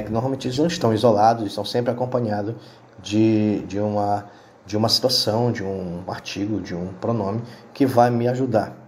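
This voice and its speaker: A man, a Spanish teacher giving a recorded lesson and explaining step by step, often checking in with quick tag questions. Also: medium pitch, darkish tone.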